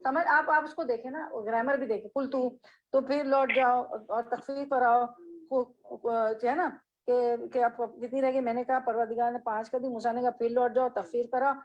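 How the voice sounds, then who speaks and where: A woman leads a hadith class. Her voice sits fairly high, and she reads each Arabic phrase slowly before explaining it and checking her listeners with questions. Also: fairly even intonation, highs cut off. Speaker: religious teacher.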